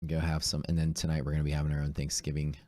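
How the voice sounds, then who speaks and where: A man's voice: very deep voice, monotone, racing, darkish tone, no room sound, clean studio sound. A hungover man chatting casually and in laid-back slang as he hosts a livestream. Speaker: host of a live day-trading stream.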